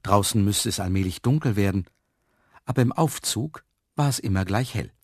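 A man reading a children's story aloud, expressive and lively. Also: on the low side, moderate pace, dry recording, clean studio sound.

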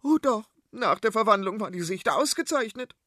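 A man voicing a shrill, bossy, dramatic queen in a storybook. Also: lively intonation, moderate pace, pushed and bright, no room sound, clean studio sound, heavily acted. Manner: shrieking, scolding.

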